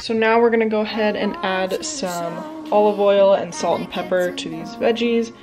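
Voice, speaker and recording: Speaking at a normal speed in a mid-range voice, a young woman walks viewers through cooking in her home kitchen and at a backyard grill. Her vlog is casual, chatty and self-deprecating, peppered with ums and likes, and the low-quality recording has music playing beneath her.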